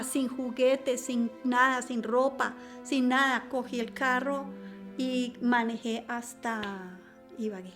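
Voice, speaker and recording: A middle-aged woman from Colombia giving a slow, hushed personal testimony in an interview, often dropping to a near whisper. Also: high voice.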